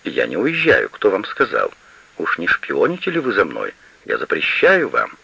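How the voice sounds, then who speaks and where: A man's voice: deep voice, wildly swooping pitch, normal speed, vocal fry, pushed and bright, breathy edge, no room sound, heavily acted. A man reading an audiobook and voicing a proud, demanding woman who owns an estate, on a slightly lo-fi recording. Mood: imperious. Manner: insistent and demanding. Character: proud, pleading, imperious woman estate owner.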